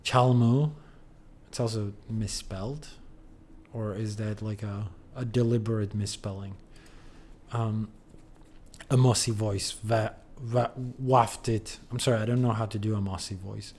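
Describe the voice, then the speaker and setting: A man's voice: lowish voice, fairly even intonation, a little slow, darkish tone, slight background noise. A man streaming a game, reading in-game books aloud with wry, amused asides.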